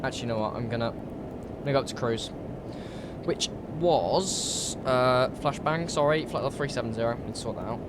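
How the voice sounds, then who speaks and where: British male streamer, a little croaky with a cold, chatty and informal over clear rumbling background noise. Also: a little fast. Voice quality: slightly croaky. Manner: chatty, informal, thinking aloud. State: recovering from a cold. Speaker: live streamer. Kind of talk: casual live stream chat while flight simming.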